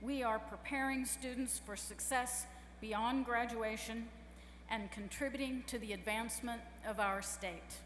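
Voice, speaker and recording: A woman's voice: a little high, fairly even intonation, a little slow, fairly bright tone. A woman university administrator giving a formal podium speech to present graduates in a large hall. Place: large hall over a PA system. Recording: echoey hall, humming background noise.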